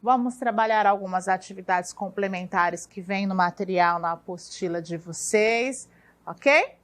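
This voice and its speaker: A woman with a Brazilian Portuguese accent teaching young children, speaking slowly and patiently, drawing out words and checking in with a questioning "tá?" after each point. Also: medium pitch. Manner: ends phrases with a questioning "tá?". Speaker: primary school teacher. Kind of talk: recorded classroom lesson for children.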